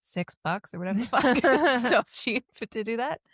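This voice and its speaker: A woman's voice: fairly high pitch, expressive, normal speed, fairly bright tone, no room sound. Woman, casual podcast co-host, talkative, dry mic. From United States. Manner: chatty, laughs often, mimics voices. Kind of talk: casual chat.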